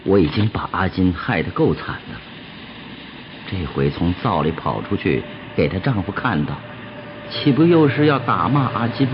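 A man's voice: deep voice, animated, moderate pace. An actor playing a resigned, self-pitying young man who is hiding in a stove, in an audio drama. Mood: despairing. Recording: dull audio with clear noise.

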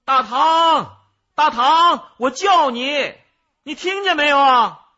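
Bragging magic shadow kid, husky and bright, high lively calls, done by a man reading; dull lo-fi recording. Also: slow, exaggerated voice. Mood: shouting. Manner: bragging, loud calling. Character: boastful magical shadow boy, mischievous. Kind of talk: children's story reading.

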